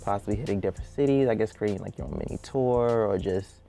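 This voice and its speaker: A man's voice: on the low side, fast, gravelly, dark tone, soft background music. A man from Panama hosting an interview, asking long, rambling questions in an easygoing way with "you know" fillers. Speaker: interview host.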